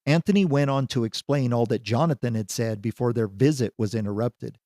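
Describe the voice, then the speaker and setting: Man narrating a story, measured. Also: medium pitch, mellow, no room sound, clean studio sound.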